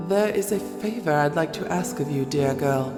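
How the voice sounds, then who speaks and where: Regal, wistful Snow Queen for audio drama, female actor: measured and low, music under a reverberant recording. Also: close to an everyday voice. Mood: gracious. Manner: slow, imperious, measured. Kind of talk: audio play acting.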